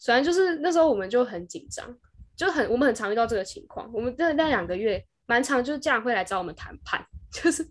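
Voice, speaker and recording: A young woman with a Taiwanese Mandarin accent chats on a podcast in a quick, brisk rush. Her voice sits a touch high. She tells her stories with animated energy and briefly acts out the people in them. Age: young adult. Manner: animated storyteller who briefly acts out kids and parents. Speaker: podcast co-host. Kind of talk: casual chat.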